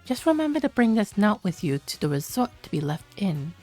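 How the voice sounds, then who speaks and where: A woman's voice: mid-range voice, sing-song, dark tone, faint music behind. A woman reading as a sly male doctor. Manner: measured, questioning delivery. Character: smooth-talking male doctor questioning a cop. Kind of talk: reading game dialogue aloud.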